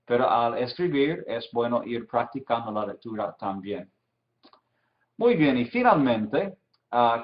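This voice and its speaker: A man teaching an online language lesson, giving exercises patiently and repeating each word slowly for his students. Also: mid-range voice, reverberant, highs cut off.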